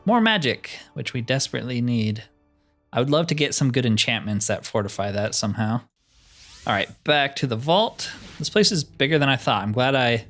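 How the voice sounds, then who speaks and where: Here the same sort of gaming YouTuber talks and reasons aloud while working through a fantasy roleplay game. He speaks at a medium pitch that comes across a bit bright.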